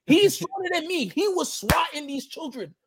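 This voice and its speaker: A grown man on a podcast telling an animated, slangy story, acting out the other people's lines in it. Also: very high voice, moderate pace, background noise. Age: adult.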